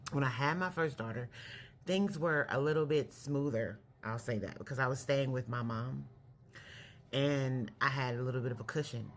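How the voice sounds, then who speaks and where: A woman in her late forties from California, candidly telling her life story in a casual vlog, pausing and correcting herself as she goes. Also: a bass voice, slight background noise. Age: 40s. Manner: reflective, candid, self-correcting. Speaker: vlogger.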